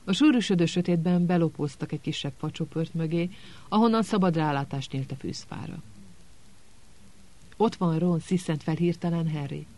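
Férfi mesélő egy hangoskönyvben, nyugodt, kiegyensúlyozott tempóban. Hangja enyhén magas, előadása gondosan megformált. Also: male voice, fairly high pitch, darkish tone. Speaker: audiobook narrator. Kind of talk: scripted audiobook narration.

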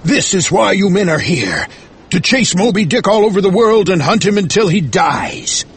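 A man's voice: sits high, sing-song, moderate pace, husky, voice pushed up, heavily acted. A man voicing a fierce, obsessed, vengeful whaling captain with intense, roaring, dramatic delivery, as in an audiobook. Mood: fierce, commanding.

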